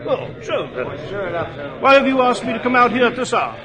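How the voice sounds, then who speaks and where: A man playing an earnest, excitable doctor, a detective's companion, with dramatic delivery in a 1940s radio drama. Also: extremely high pitch, normal speed, crowd noise. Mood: dramatic wonder. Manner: dramatic, exclamatory. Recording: old 1940s radio recording.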